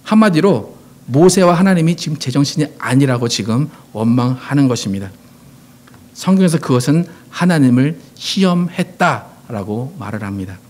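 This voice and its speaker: A man's voice: mid-range voice, lively intonation, normal speed, darkish tone. A middle-aged man preaching a Sunday sermon as pastor, earnest, often asking his congregation questions and reading scripture aloud with emphasis.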